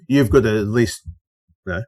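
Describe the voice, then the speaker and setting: A man's voice: on the low side, normal speed, crowd noise. A middle-aged Australian man co-hosting a casual podcast chat, telling stories, acting out other people's lines and swearing casually. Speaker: podcast co-host.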